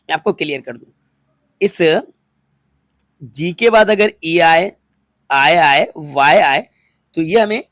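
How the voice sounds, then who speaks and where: A man's voice: sits high, no room sound, studio quality. A man teaching a phonics lesson to students, patiently spelling words out letter by letter and repeating each one. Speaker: English teacher.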